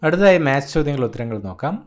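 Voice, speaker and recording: A man's voice: mid-range voice, expressive, very fast. A man from Kerala, an exam coaching tutor, reading out an answer key in short, clipped phrases. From Kerala, India.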